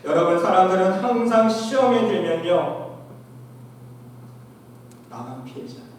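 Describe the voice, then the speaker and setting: A man preaching a sermon to his congregation as pastor, swinging between loud exhortation and quiet asides. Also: high voice, animated, measured pace. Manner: addresses the congregation often. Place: church sanctuary. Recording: echoey church hall, preacher far from mic.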